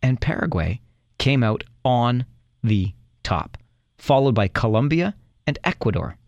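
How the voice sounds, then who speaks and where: A man co-hosting a morning radio show, teasing his co-host and running a quiz in an animated way from a studio mic. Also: medium pitch, unhurried, no room sound, highs cut off.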